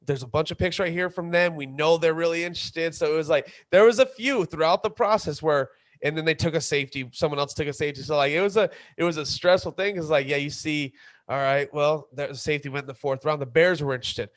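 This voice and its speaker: A man's voice: fairly high pitch, fast. A man hosting a podcast, talking in a laid-back, slangy way. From USA. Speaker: podcast host. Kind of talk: casual chat.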